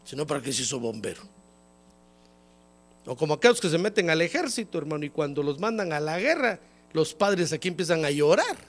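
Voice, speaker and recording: A man, a pastor, preaching a folksy sermon and calling his listeners "brother". He has a cold, and his voice jumps up high when he acts out quoted people. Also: sing-song, brisk. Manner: folksy, repeatedly calls listeners "hermano". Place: church service.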